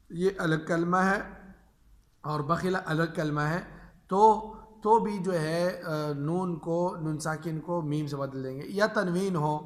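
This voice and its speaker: A man teaching the rules of Quran reading, patiently repeating each rule and spelling out examples slowly. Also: on the high side. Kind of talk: explaining tajweed rules to teachers.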